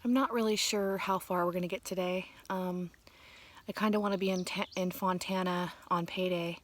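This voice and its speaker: A woman's voice: on the low side, steady tone, normal speed. A woman vlogging outdoors on a mountain trail, talking to the camera in a tired, stressed way, often sighing and half-whispering. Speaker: vlogger on a long-distance hike. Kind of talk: casual vlog talk to camera.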